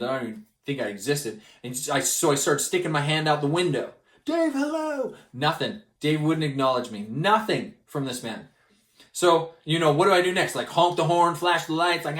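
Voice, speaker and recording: A man from Canada presenting a gospel study lesson, telling a personal story with lively delivery and acting out the people in it. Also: medium pitch, reverberant. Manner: animated, acts out the people in his stories.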